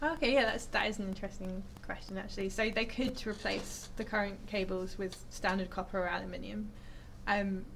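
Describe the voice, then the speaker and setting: A woman talks through the science in a loose, excited way, stopping and starting with ums and quick fixes as she goes. Her pitch sits in an ordinary middle range. A faint hiss runs underneath. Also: creaky. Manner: chatty and enthusiastic, full of fillers and self-corrections. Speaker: scientist explaining cryogenics. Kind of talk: informal science explanation to an audience.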